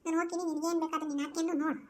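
ಉತ್ತರ ಕರ್ನಾಟಕ ಶೈಲಿಯ ಅಳುಮುಂಜಿ ಅಜ್ಜಿ, ಮಹಿಳೆಯ ಅಭಿನಯ, ಗೊಣಗುವ ಧಾಟಿ, ಎತ್ತರದ ಧ್ವನಿ. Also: female voice, very high-pitched, little pitch movement, very fast, slight background noise. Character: weepy old grandmother hooked on TV.

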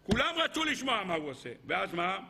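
A middle-aged rabbi with a gravelly voice gives a lively Torah lesson, questioning his listeners and swinging between loud exclamations and low asides.

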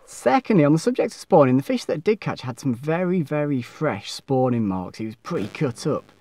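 A man's voice: medium pitch, lively intonation, a little fast, warm tone, no echo. A young man vlogging outdoors beside a lake, talking frankly and self-critically with frequent restarts. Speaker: fishing vlogger. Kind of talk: casual outdoor vlog talk.

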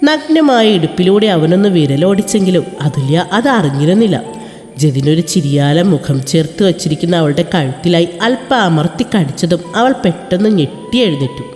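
A woman narrating a romantic audio story in a calm, even storytelling voice. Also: fairly low pitch, moderate pace. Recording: echoey reverb with faint music.

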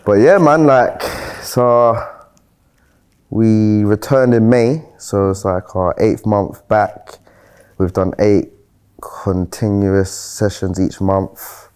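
A man's voice: lowish voice, steady tone, takes it slowly, a little mellow, clean tone. A man in his thirties with a South London accent, telling his story in a laid-back, jokey way with slang during a casual podcast interview. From South London, England. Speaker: fitness coach and brand co-founder. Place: bright studio lounge set.

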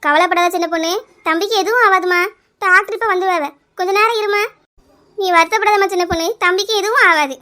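A kindly village neighbour woman in a cartoon comedy, voiced by a woman, speaking with a Kanyakumari Tamil accent. Her voice is very high and bright, and she soothes and reassures. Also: quick pace. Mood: soothing.

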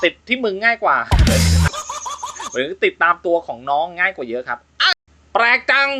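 Lively joking man with music behind. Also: fairly high pitch, normal speed. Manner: crude joking banter, laughing often. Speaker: comedy channel host. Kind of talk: casual comedic commentary.

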